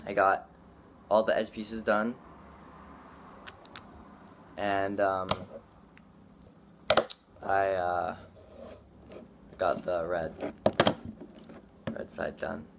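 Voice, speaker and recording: Casual vlog guy, winded and excitable, slow-talking, lowish voice, loud clicking behind. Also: gravelly, heavy background noise. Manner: excited, breathless exclamations between breath holds. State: out of breath. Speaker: video creator.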